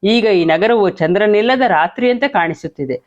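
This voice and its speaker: A man's voice: high voice, expressive, normal speed, pitched above the performer's own voice. A man voicing a grieving young prince who laments his dead father in a plaintive reading, on a dull lo-fi recording.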